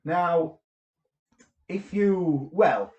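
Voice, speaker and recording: A man co-hosting a comedy podcast, telling a strange story with deadpan delivery and sudden shouted bursts. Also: on the high side, very slow, echoey room, muffled recording. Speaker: podcast co-host.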